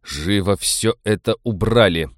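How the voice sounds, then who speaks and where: Brief: male reader as a shifty captain playing the cheerful host, loud, hearty, deep. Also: sing-song, a little fast, dry recording, studio quality. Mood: barking.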